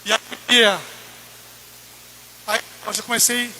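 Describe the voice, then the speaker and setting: Male preacher, very high voice, sharp bright tone, impassioned church testimony, faint background hiss. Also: level tone, takes it slowly. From Brazil. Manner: impassioned, rising to near-shouted peaks. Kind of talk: sermon testimony.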